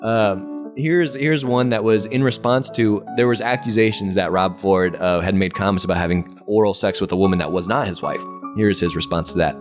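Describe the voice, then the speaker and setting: A man's voice: on the low side, moderate pace. Laid-back young man hosting a podcast. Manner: laid-back, reads quotes aloud with laughs. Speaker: podcast co-host. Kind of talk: casual podcast banter. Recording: music playing behind voices.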